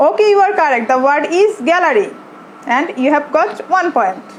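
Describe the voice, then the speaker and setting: A Bangladeshi woman, a primary school English teacher, giving an online lesson in English and Bengali, slowly repeating words for her pupils. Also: high-pitched, big pitch swings, slight background noise, poor audio.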